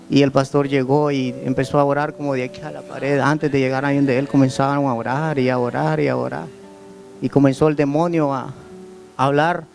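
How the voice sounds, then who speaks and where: A man's voice: on the high side, vocal fry, a little mellow. A man gives an earnest church testimony, repeating words as he tells his story. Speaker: church member giving testimony. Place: church service.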